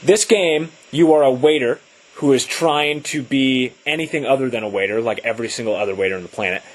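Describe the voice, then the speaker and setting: A man co-hosting a casual podcast, joking and pitching ideas in an upbeat way. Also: a little fast. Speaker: podcast co-host.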